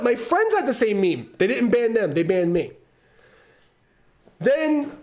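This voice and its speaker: High-pitched laughing Brooklyn man, profane. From Brooklyn, New York. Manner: laughs often mid-sentence, heavy swearing, repeats words as he talks. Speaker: streamer telling a story to guests. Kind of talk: casual profane storytelling on a live stream.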